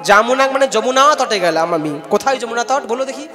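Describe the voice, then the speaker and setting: A man with a Bengali accent giving a devotional scripture discourse, chanting Sanskrit verses loudly and then explaining them conversationally while urging the audience to respond. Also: very high voice, animated, brisk, long reverb tail, a crowd in the background. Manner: urges the audience to call out responses. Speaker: Bhagavat katha preacher. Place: large festival gathering hall.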